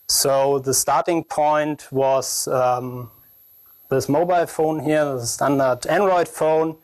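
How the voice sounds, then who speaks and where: A young man with a strong German accent presents technical research at a conference in a middle pitch range. As a non-native speaker he talks haltingly, searching for phrasing. The recording is fairly dry with no room sound.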